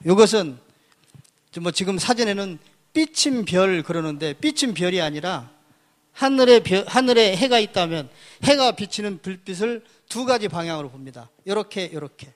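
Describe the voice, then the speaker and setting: A man with a high voice delivers a public lecture, walking through each character piece by piece. He points at the board as he goes and often poses a question, then answers it himself. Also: lively intonation, normal speed. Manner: asks and answers his own questions.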